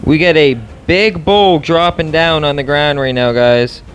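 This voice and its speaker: With faint music playing behind him, a man hosts a storm-chasing video, chatting to viewers in casual play-by-play and repeating brief phrases. He speaks a little slowly in a fairly high, fairly bright voice that holds steady.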